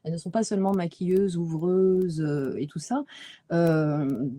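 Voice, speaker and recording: Woman, webinar moderator, husky dark voice, hesitant with restarts, dry close sound, video call. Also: fairly low pitch, steady tone, measured pace, no echo. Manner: hesitant, many restarts and fillers.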